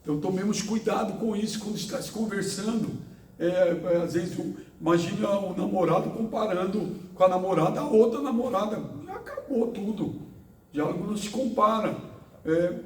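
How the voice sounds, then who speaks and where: A man, a pastor teaching a church Bible lesson, who talks slowly with many fillers and asks his listeners rhetorical questions. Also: high voice, darkish tone. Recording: echoey room, voice from far off.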